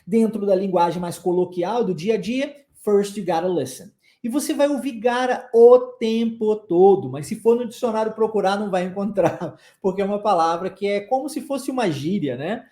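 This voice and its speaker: A man's voice: high-pitched, expressive, normal speed, hardly any pauses, warm tone, roomy sound. A man from Brazil, an English teacher, giving a chatty online lesson and having listeners repeat phrases.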